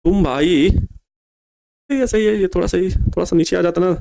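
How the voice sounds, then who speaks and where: A young man teaching physics in a board exam crash course, repeating key phrases slowly for students to write down and coaxing them with casual asides. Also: high voice, vocal fry, warm tone. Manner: casual asides calling students babua and babu.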